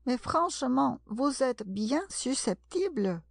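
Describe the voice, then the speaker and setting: A woman's voice: sits high, expressive, slow, gravelly, no echo, studio quality, pitched above the performer's own voice, exaggerated voice. A woman reading aloud and voicing an eager, polite young girl in a storybook. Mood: pleading. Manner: eager, apologetic.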